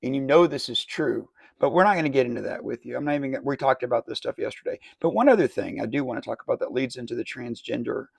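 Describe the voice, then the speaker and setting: A man's voice: medium pitch, expressive, quick pace, vocal fry, few pauses, husky, dry recording. A man hosting a satirical mock interview, questioning in an indignant, exasperated way.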